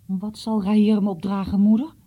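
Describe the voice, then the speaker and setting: A woman's voice: mid-range voice, flat delivery, normal speed, narrow, tinny audio, lightly acted. A woman reading the part of an earnest, troubled schoolboy who pleads and stammers. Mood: pleading.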